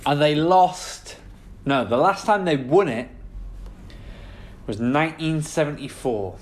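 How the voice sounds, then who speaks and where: A man with a Northern English accent, co-hosting a podcast and answering football quiz questions in an excitable, swearing, playful way. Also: on the high side, slow. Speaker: podcast co-host playing the quiz. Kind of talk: casual pub quiz banter.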